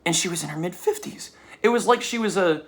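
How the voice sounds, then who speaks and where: A man's voice: high voice, a little fast. A young man in a casual vlog monologue who rambles candidly and swears in passing. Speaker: vlogger.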